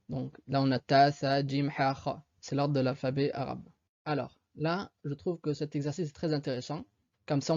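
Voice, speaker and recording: A man's voice: fairly high pitch, a little mellow, no echo. Patient male reading teacher, dry dull mic. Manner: patient, slow spelling-out of words, repeating each one. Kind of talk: step-by-step reading lesson. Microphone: USB desk microphone. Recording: dry, slightly dull home recording.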